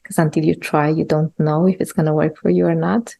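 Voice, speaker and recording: A woman's voice: low voice, level tone, fairly quick, gravelly, mellow. A woman hosting a podcast, asking questions in an encouraging, conversational way. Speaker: podcast host. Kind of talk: interview questions.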